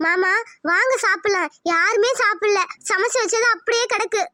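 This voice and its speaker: A caring young daughter-in-law from a cartoon drama, voiced by a woman, gently coaxing her grieving family. The voice is very high and bright. The recording is dry. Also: normal speed, no echo. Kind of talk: Tamil cartoon drama voice acting.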